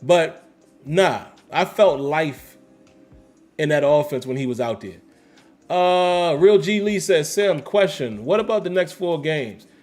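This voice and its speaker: Brief: male stream host, casual sports talk, emphatic and repetitive, slightly higher voice, faint music bed. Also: expressive, slow pace, darkish tone. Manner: emphatic, repeats phrases, slangy. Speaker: host reading live chat. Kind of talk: casual livestream commentary.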